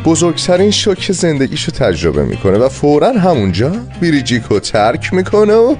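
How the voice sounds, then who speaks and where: A man dubbing a lively, exasperated young man in a drama. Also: a little high, faint music behind. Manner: animated, exasperated. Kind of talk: dubbed drama dialogue.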